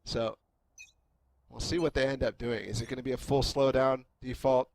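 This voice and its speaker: Guy doing esports analyst casting, medium pitch, breaking down tactics, faint game clicks behind him. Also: steady tone, moderate pace, creaky, a little hiss or hum. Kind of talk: live esports analysis commentary.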